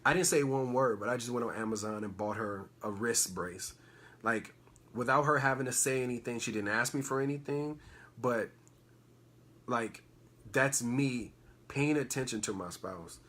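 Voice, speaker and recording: A man from Los Angeles co-hosting a podcast, giving advice in a relaxed, casual way full of fillers. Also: mid-range voice, normal speed. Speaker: podcast co-host. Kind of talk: casual chat.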